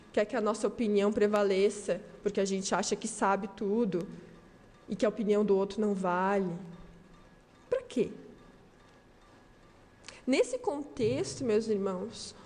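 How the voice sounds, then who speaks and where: A woman delivers a measured, earnest doctrinal talk. Her voice sits high and she takes her time. Long reverb from the hall trails her words. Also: a little mellow. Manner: earnest, measured, reads quoted passages. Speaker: lecturer at a spiritist centre. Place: spiritist centre hall.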